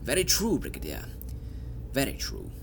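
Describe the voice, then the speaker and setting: An actor playing an urbane, sceptical male scientific adviser in an audio drama, with a wry, deliberate, theatrical delivery. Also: medium pitch, huge pitch swings, vocal fry, a little hiss or hum. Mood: thoughtful, sceptical.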